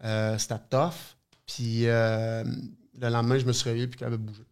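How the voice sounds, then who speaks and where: A man's voice: medium pitch, little pitch movement, a little fast, smooth. Quebec French man, middle-aged, loose rambling anecdotes full of fillers and restarts. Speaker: guest, former hockey player. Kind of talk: casual storytelling interview.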